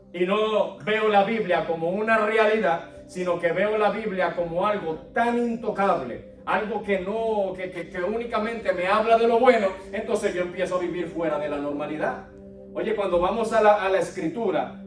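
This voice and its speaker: A man's voice: high-pitched, reverberant, far from the mic. A man preaching a sermon, telling a candid, humorous story of his own. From Puerto Rico and Colombia.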